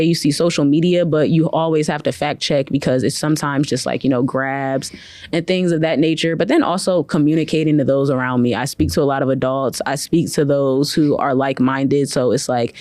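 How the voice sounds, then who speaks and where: A woman's voice: low-pitched, a little mellow, dry recording. Chatty young woman, dry close voice. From from Cleveland, Ohio. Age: young adult. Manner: chatty, full of "like" fillers. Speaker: guest. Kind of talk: casual interview conversation.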